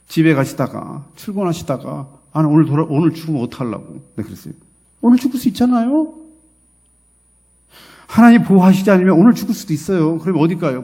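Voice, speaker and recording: A middle-aged man preaching a sermon as a pastor, telling stories with quoted dialogue and swinging between loud and soft. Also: on the high side, vocal fry, husky. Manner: storytelling with quoted dialogue, emphatic and swinging in loudness. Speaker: associate pastor.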